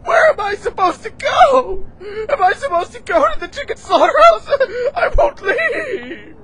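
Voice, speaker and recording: A young man voicing a proud, easily offended male chicken in an amateur game-engine comedy, whiny and quick to shriek in panic. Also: very high-pitched, very animated, heavy background noise, exaggerated voice. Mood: panicked. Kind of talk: amateur machinima voice acting.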